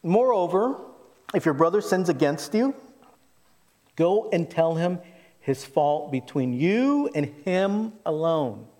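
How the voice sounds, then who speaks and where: A man's voice: a little high, very animated, slow pace, a little mellow. A man preaching as a pastor at a pulpit microphone, conversational yet emphatic, repeating phrases and putting rhetorical questions to his listeners. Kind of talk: sermon, expository Bible preaching. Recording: reverberant hall, long echo.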